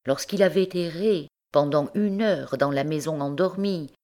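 A woman narrating a literary story in a measured, expressive way. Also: low voice. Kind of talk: audiobook narration.

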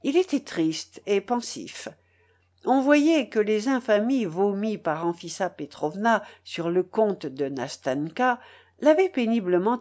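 A woman reads a classic novel aloud with an expressive, dramatic delivery. Her voice swings widely in pitch, lifting and falling with the story. It is a steady literary narration. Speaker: audiobook reader.

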